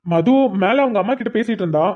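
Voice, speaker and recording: A performer voicing a busy, dutiful young father in a family cartoon who calmly explains his plans. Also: mid-range voice, fast, highs cut off, close to an everyday voice. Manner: calm, explaining, patient. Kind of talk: cartoon voice acting.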